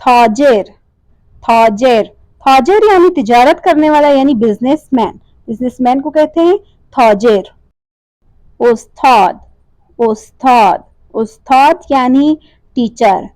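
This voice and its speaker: High-voiced woman teaching vocabulary. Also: lively intonation, a little mellow, no echo, poor audio. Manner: repeats each word slowly, asks and answers own questions. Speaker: language teacher. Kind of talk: slide-based language lesson.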